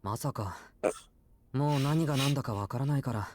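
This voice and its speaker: Man playing a calm, fast-talking young man. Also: mid-range voice, lightly acted. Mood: calm, puzzled. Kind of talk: Japanese visual novel voice acting.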